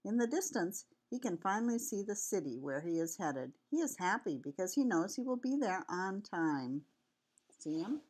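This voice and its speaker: A woman's voice: medium pitch, sing-song, normal speed, darkish tone. An older woman, a sweet grandmother with a cold, reading a children's picture book aloud in a homely, chatty way. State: has a cold with cough.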